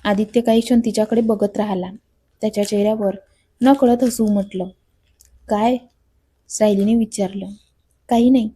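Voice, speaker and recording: A woman's voice: medium pitch, fairly even intonation, moderate pace, long pauses, warm tone, slightly rough. A woman reading a romantic story aloud as narrator, speaking every character's lines in her own voice. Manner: reads all characters' dialogue in her own voice.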